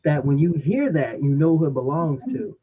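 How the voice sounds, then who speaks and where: A man's voice: a little high, big pitch swings, normal speed, mellow. A man co-hosting a casual talk show, joking around and slipping into comic voices. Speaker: podcast co-host. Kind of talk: casual chat. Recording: dull lo-fi mic with faint noise.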